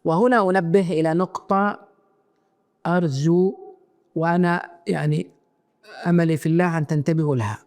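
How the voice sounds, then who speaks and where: Higher-pitched man giving a religious lesson. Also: darkish tone. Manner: instructive, checks listeners with rhetorical questions. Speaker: Quran teacher trainer. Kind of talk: religious lecture. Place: mosque lecture hall.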